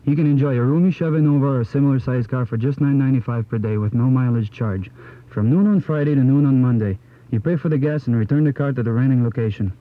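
A man's voice: medium pitch, fast. A man reading a scripted radio advertisement in an upbeat retro announcer style. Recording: dull lo-fi radio recording.

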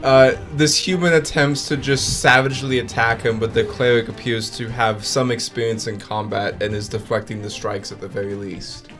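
A man's voice: mid-range voice, fairly even intonation, moderate pace, hardly any pauses, a bit bright, faint music behind. A man narrating a tabletop game as game master, casual and full of restarts. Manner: casual, with fillers and repeats.

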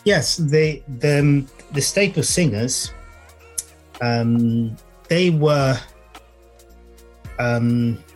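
A man explaining as a knowledgeable guest, halting in phrases and repeating points for emphasis. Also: medium pitch, faint music behind. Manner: halting, emphatic repetition, checks with "right?" and "you see". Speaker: guest music author and historian. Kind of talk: explanatory conversation.

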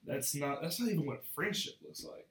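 A man's voice: fairly high pitch, lively intonation, a little fast, a bit bright, echoey room, a little hiss or hum. A young man co-hosting a casual faith podcast, frank and earnest, often repeating words as he starts a sentence. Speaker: podcast co-host.

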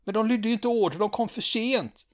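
Brief: man playing a shrill, indignant young conscript, high-pitched, shouting the rulebook. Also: lightly acted. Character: rigid, ranting young male conscript obsessed with rules.

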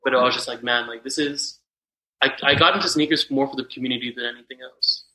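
A man's voice: medium pitch, fairly even intonation, pushed and bright, echoey room, rough recording. A young man from Texas, a podcast guest, telling a story casually with many "like" fillers. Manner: rapid, filler-heavy with "like".

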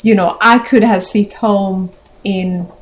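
A woman from Sweden with a Swedish accent, hosting a podcast and speaking in a thoughtful, gentle way with frequent pauses. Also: mid-range voice, steady tone, rough recording. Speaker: podcast host. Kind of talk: reflective interview talk.

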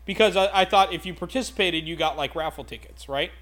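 A man with a notably high voice chats on a casual podcast. He tells stories in an animated, profane rush, venting about bad luck and laughing at himself. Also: quick pace. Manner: animated, profane ranting storyteller. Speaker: podcast co-host.

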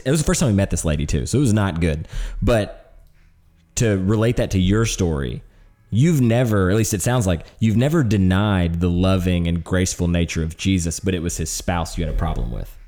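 Brief: male podcast co-host, low warm voice, reflective and steady. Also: fairly quick. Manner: reflective, leads into questions. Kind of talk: casual faith podcast chat.

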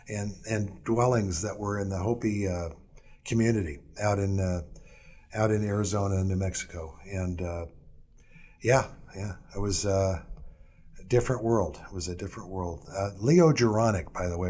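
A man's voice: on the low side, darkish tone. A middle-aged man telling long career stories in an interview, hesitant and full of fillers and restarts. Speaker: interview guest. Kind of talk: casual storytelling interview.

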